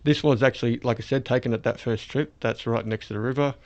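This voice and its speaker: Talking fast with fairly even intonation, this mid-range-voiced Australian man is toothless and hosts a podcast through a face mask. His casual, rambling explanations come out soft-edged, and the audio is dull lo-fi.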